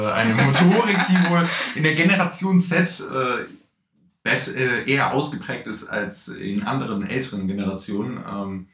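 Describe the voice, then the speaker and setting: Nineteen-year-old man, lowish voice, echoey room. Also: fairly bright tone. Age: teens. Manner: hesitant, searching for words, laughs while telling anecdotes. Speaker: podcast guest. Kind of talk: casual conversation.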